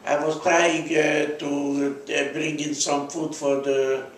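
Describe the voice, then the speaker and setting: A man in his eighties from Hungary, recalling events slowly with many pauses and fillers as an interviewee. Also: on the high side, little pitch movement, roomy sound, slight background noise, poor audio. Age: 80s. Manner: halting, many fillers, searching for words. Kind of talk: hesitant recollection.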